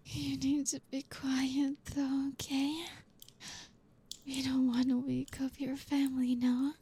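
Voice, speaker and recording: Woman, high voice, mellow tone, soft whispering, frequent giggles, intimate roleplay. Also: completely flat delivery, slow pace. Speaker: roleplay performer speaking as a girlfriend.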